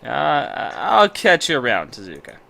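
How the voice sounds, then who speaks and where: A man's voice: medium pitch, huge pitch swings, moderate pace, vocal fry, sharp tone, heavily acted. A man voicing an awkward, polite teenage schoolboy who hesitates and stumbles.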